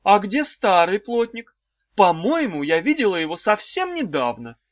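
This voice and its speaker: A sweet, scatterbrained brain-eating wife, as a male storyteller puts her on, cooing pet names in a high, thin falsetto that sounds far from his own voice. The storybook recording is dry and a little dull. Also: big pitch swings, normal speed, dry recording. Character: doting middle-aged female brain-eater, sweet and scatterbrained.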